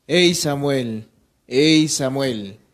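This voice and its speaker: A man voicing God's voice as a slow, drawn-out call from far away. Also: mid-range voice, voice pushed down. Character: calling voice of God, slow and distant.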